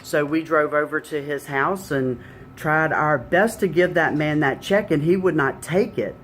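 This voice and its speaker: A woman's voice: sits low, a little slow, slight background noise. Earnest woman telling her faith story. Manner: earnest, conversational, retells dialogue with many "you know"s. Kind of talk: personal faith testimony storytelling.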